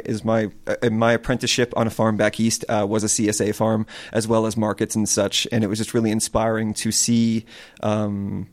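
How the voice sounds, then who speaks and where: Farmer from Connecticut, low and level, plain earnest answers to an interviewer. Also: male voice, a little mellow. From Connecticut, USA. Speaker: small farm owner.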